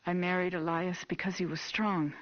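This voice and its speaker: A woman's voice: lowish voice, little pitch movement, moderate pace, close to an everyday voice. An actress playing an intense, menacing middle-aged American mother, grieving and vengeful, in a taped police interview for a game. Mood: haunted. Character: unhinged, grieving, vengeful mother of a lost boy. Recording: dull, muffled old tape recording.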